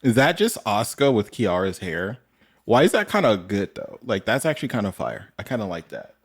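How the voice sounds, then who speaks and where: Male reaction host, casual and profane, pitch leaps all over. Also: big pitch swings, brisk, husky. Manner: laughs often and swears freely.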